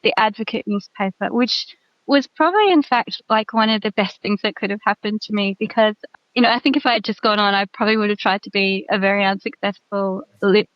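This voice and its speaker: A woman's voice: mid-range voice, a little fast, no room sound, muffled recording. A Tasmanian woman in her fifties with an Australian accent, a guest author talking through her life in a thoughtful, self-deprecating way with many fillers. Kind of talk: casual interview chat.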